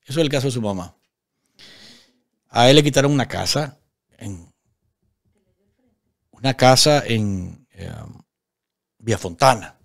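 A Nicaraguan man in his forties hosts live political commentary from a desk in a small studio, speaking emphatically into a desk mic, repeating phrases and posing rhetorical questions. His mid-range, gravelly voice is animated but a little slow, with long pauses.

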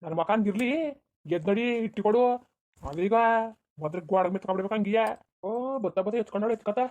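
A bossy, quick-tempered village husband, as a performer voices him in a cartoon quarrel. He berates his wife. His words tumble out at a rushing speed. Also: mid-range voice, lo-fi sound, close to an everyday voice. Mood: angry berating. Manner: shouting, berating, rapid. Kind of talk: cartoon voice acting.

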